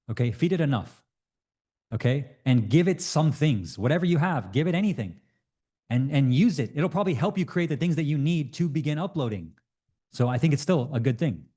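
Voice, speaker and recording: A young adult man hosting a live webinar, answering questions in an energetic, repetitive, salesy way. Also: medium pitch. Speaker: webinar host.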